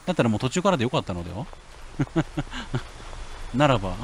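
Animated young-sounding Japanese game streamer. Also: male voice, normal speed, slight background noise. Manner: animated, jumps from low mutters to yelps and shouts. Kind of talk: horror game let's play commentary.

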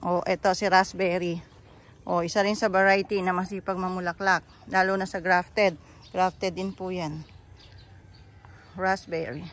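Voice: mid-range voice, little pitch movement, a little slow, pauses often, a bit bright. A chatty plant seller, walking through a garden and pointing out plants one by one. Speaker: bougainvillea seller giving a garden tour. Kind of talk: casual garden walkthrough vlog.

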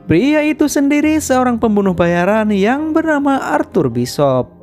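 Lively-pitched woman narrating a film recap. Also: unhurried. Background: background music.

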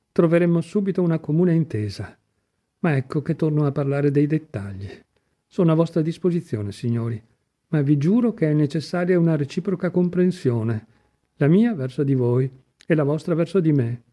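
A man voicing an excitable, impassioned young man in a storybook reading, pleading in exclamatory outbursts. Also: on the high side. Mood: insistent.

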